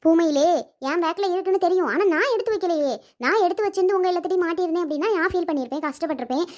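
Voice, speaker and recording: A patient village housewife from a cartoon, played by a woman, calmly explaining herself at length. Her voice is squeaky and very high, and she talks quickly. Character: calm village housewife, middle-aged, patient and forgiving. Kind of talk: Tamil village cartoon voice acting.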